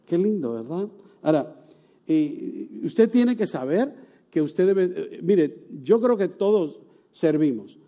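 Dark-voiced Spanish-speaking preacher, animated. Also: male voice, high-pitched, takes it slowly, dull audio. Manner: storytelling, animated, with sudden loud exclamations. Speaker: pastor. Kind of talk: sermon.

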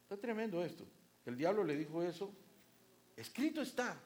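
A man preaching a sermon in a lively storytelling way, with sudden shouts for emphasis. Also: sits high, fast talker. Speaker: pastor.

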